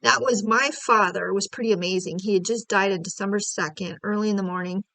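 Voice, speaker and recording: A woman's voice: medium pitch, steady tone, brisk, vocal fry, fairly bright tone, no echo, low-quality recording. A woman from the United States telling a family story in a casual, chatty way, acting out conversations with small laughs between phrases.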